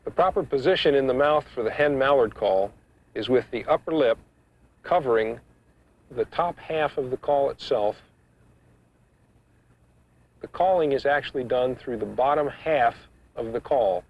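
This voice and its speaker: A man giving an instructional demonstration, explaining each step in a measured, practical way. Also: mid-range voice. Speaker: duck calling instructor. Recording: muffled, dull 1990s instructional video sound.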